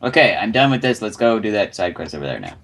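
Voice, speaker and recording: A man's voice: on the low side, sing-song, fast, gravelly, fairly bright tone. A man in casual gaming chat, talking in a blunt, exclamatory way to his friends. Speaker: gamer in a group play session.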